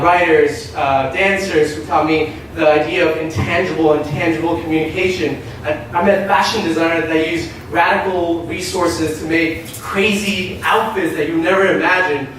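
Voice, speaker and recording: A young man raised in Shanghai, giving an animated opening talk at a design meetup, telling personal stories with frequent filler "uh". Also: fairly high pitch, distant mic, a little hiss or hum. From Nepal-born, raised in Shanghai, China. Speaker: meetup host and speaker. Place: event space with an audience. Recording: very echoey hall, voice from afar.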